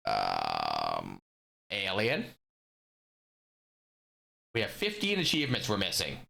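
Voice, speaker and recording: A man's voice: low-pitched, huge pitch swings, slow, gravelly, bright, forceful tone. A young man from Western Canada giving casual live commentary as a game streamer, hesitant, with frequent ums and dry asides.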